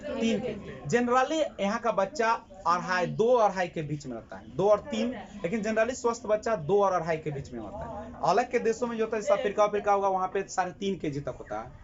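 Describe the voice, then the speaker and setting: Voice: mid-range voice, expressive, brisk, highs cut off, a crowd in the background. A teacher giving a classroom lecture who asks the class questions, answers them himself and repeats key terms.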